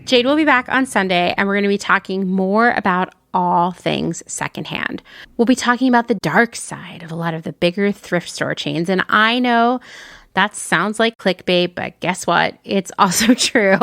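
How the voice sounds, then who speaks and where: Gravelly-voiced woman podcast host. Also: medium pitch, normal speed, a bit bright, no room sound, clean studio sound. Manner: chatty, laughs easily, casual fillers. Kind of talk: conversational interview and outro.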